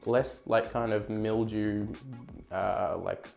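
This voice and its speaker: Man, Australian accent, low pitch, fry in the voice, casual rambling tasting chat. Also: fairly even intonation, slow, darkish tone, soft background music. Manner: rambling, searching for words. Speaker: whiskey reviewer.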